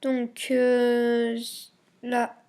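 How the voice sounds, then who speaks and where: A woman walking viewers through a software tutorial, hesitant and full of fillers, self-corrections and muttered asides. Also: fairly high pitch, monotone, extremely slow, creaky, smooth. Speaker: YouTube tutorial maker. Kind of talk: screen-recording software tutorial.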